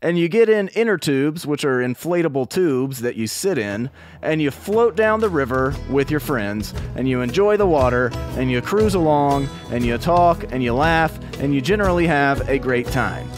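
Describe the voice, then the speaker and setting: An American man narrates a scripted children's story over a music bed, speaking at normal speed in an expressive, mid-range voice. His storytelling for kids feels conversational and explanatory.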